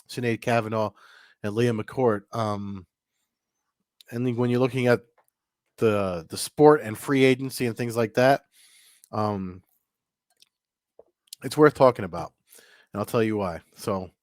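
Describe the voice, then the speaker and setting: Recorded on a camera mic with clean studio sound and no room sound, a fairly low-pitched man presents a casual MMA news video alone to camera. Congested and recovering from a cold, he rambles through many fillers and restarts.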